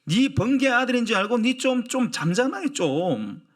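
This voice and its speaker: A man voicing a patient male teacher who gently admonishes his hot-headed disciples. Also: extremely high pitch, sing-song, normal speed, pitched above the performer's own voice. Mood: admonishing.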